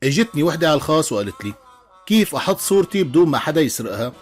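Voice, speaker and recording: Fast, animated Levantine joke-teller man. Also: fairly high pitch, over music. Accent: Levantine Arabic. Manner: animated storytelling, switches into character voices, chuckles. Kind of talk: voiced joke compilation.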